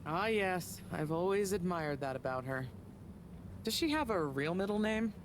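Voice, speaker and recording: An actress voicing Bridget, a friendly, talkative energy consultant who chats in a breezy, upbeat way. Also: female voice, lowish voice, expressive, moderate pace, lightly acted. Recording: game audio with ambient noise.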